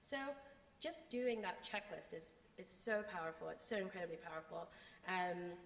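A woman's voice: lowish voice, moderate pace, vocal fry. A woman who is a native English speaker, giving an earnest, articulate motivational talk with emphatic repetition. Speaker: conference speaker. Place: large reverberant room before a live audience. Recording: echoey hall with background noise.

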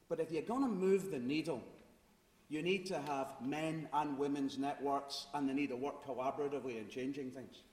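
A middle-aged man from Glasgow with a Glaswegian accent, giving an emphatic, conversational public talk with personal stories. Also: a little high. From Glasgow, Scotland. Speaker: conference speaker. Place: large reverberant room before a live audience. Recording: echoey hall, distant microphone.

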